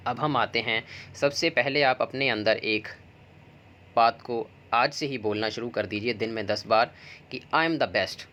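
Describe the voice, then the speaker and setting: Guy doing hindi exam coaching, mid-pitch voice, kinda muffled lo-fi audio. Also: fairly bright tone. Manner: explanatory, uses mnemonics and stories. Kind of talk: classroom-style exam prep lesson.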